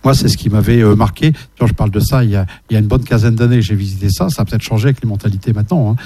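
A man's voice: fairly low pitch, racing, dark tone, a little hiss or hum. A man hosting a casual discussion, speaking hesitantly with many fillers and restarts, passing a shared microphone. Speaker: host.

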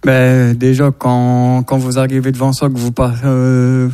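An earnest man joins a casual discussion with a smooth, resonant voice. His pitch stays fairly level as he presses his point through repeated phrases. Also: completely flat delivery, a little slow, dark tone. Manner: earnest, exhorting, repetitive phrasing. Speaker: guest speaker.

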